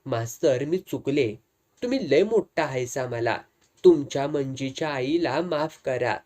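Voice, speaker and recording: A young village woman speaking softly and slowly in rural dialect, put on by a male storyteller. She sounds earnest. She is part of a told comic story. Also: mid-range voice, lively intonation, close to an everyday voice. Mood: remorseful. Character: young village woman, proud then humbled.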